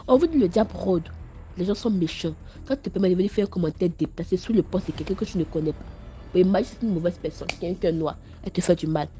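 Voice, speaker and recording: A young woman from Ivory Coast, whose French carries an Ivorian accent, tells a story directly to her viewers in a casual vlog. She's animated and stammering, scolding at one point and continuing her tale the next, in a medium-pitched voice.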